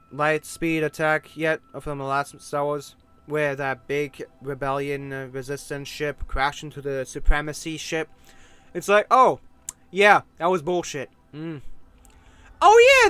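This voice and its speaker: High-voiced young man ranting casually. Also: a bit bright, clear, resonant tone. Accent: German. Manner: rambling, exasperated, swings between mutters and outbursts. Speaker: video creator. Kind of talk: casual ranting movie review.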